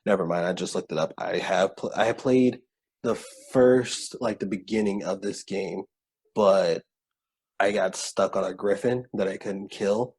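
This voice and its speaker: Chill co-host guy, kinda low and husky, slangy. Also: unhurried, darkish tone. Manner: laid-back, slangy, laughs along. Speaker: podcast co-host. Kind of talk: casual chat.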